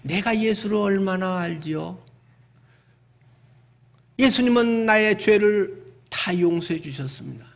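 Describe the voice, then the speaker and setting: A man's voice: high-pitched, unhurried, gravelly, long pauses. A middle-aged male pastor giving a sermon in a conversational way, acting out little everyday exchanges. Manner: conversational preaching with acted-out everyday dialogue.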